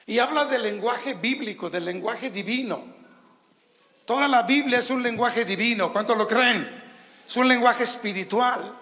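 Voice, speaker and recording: A Mexican pastor preaches with emphatic force, his voice pitched high with a gravelly edge. He talks into a handheld microphone, and his words ring through a reverberant church hall. He calls questions out to the congregation. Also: fairly bright tone. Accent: Mexican Spanish. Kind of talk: sermon. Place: church sanctuary.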